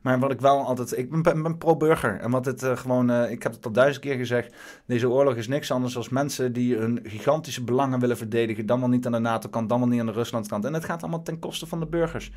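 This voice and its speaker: A man's voice: medium pitch, fairly even intonation, darkish tone. A man hosting his own stream, giving casual, rambling commentary on the news, full of fillers and restarts. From Netherlands. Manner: halting, many fillers and restarts.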